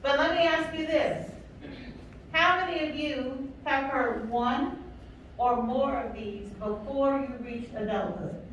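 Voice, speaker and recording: A woman's voice: sits high, takes it slowly, fairly bright tone, slight background noise. A woman counselor gives an emphatic workshop talk to an audience, asking the room questions and repeating key words. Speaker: counselor leading a teacher training. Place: large echoey room with an audience. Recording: echoey hall from far off.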